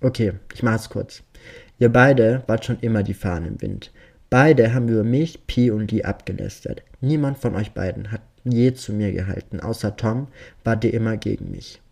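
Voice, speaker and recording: A man's voice: fairly low pitch, normal speed, creaky, darkish tone. A man voicing a cold, mocking young killer. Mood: bitter. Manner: taunting, impatient.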